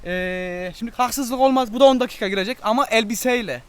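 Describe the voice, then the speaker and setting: A man's voice: very high voice, fairly quick, clean tone. A man vlogging, chatting casually to the camera and bantering with a friend outdoors. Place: outdoors near a waterfall stream. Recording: noisy outdoor camera recording.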